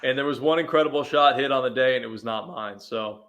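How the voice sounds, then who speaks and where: A man's voice: mid-range voice, quick pace, fairly bright tone. A man chatting as a guest on a sports talk show, telling easygoing stories with frequent restarts. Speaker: sports radio host, guest. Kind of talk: casual chat.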